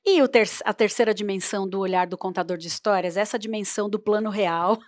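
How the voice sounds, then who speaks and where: A woman's voice: mid-range voice, no room sound, studio quality. A woman teaching oral storytelling in a workshop, playful and demonstrative as she varies her voice. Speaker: storytelling instructor.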